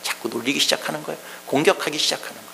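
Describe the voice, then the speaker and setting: A man's voice: a little high, very fast, creaky, slight background noise. Male pastor, Sunday sermon, plays the mockers in quotes; long hall reverb. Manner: acts out mocking enemies in quoted speech; repeats key phrases, swings between loud and hushed. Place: church sanctuary.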